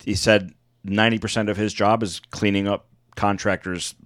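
A man's voice: lowish voice, flat delivery, normal speed, a bit bright, dry recording, studio quality. A man chatting casually and irreverently as a podcast co-host. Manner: irreverent, sweary. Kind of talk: casual banter.

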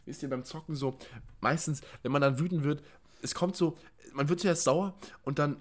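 A young man co-hosting a podcast, chatting casually with slangy quick interjections. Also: on the high side. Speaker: podcast co-host. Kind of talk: casual chat.

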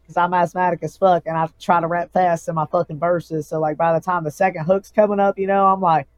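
Higher-voiced man with slangy bro talk. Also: flat delivery, brisk, no echo. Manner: slangy frat-bro talk, frequent swearing. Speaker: rapper, guest. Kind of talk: casual chat.

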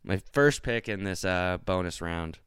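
Smooth-voiced man hosting a casual podcast. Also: low voice, animated, fairly bright tone, no room sound, studio quality. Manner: enthusiastic, swearing, quick asides. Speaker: podcast host. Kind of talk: casual chat.

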